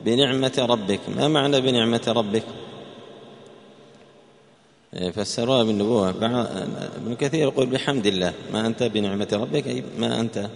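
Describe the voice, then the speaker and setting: A man teaching a class on the meaning of Quranic words, speaking slowly, repeating each phrase and calling on students by name. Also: mid-range voice, gravelly, long reverb tail. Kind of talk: classroom Quran word explanation.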